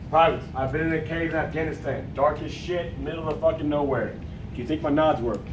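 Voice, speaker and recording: A man's voice: fairly high pitch, fairly even intonation, a little fast. A man instructing army recruits as a drill sergeant, profane and commanding, firing questions at them in call-and-response. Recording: roomy, distant mic, noisy room.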